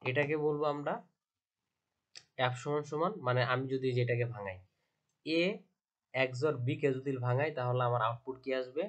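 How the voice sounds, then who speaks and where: A man's voice: mid-range voice, steady tone, normal speed, pauses often. A man teaching from slides, asking himself questions and repeating each point. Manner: repetitive, asks and answers own questions. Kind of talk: slide lecture.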